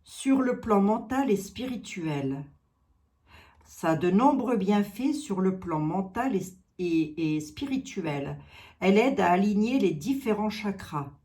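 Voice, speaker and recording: A chatty middle-aged woman hosts a casual unboxing for her viewers. She thinks aloud as she goes, repeating words and filling pauses. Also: medium pitch, lively intonation, mellow. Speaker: psychic channel host opening gifts.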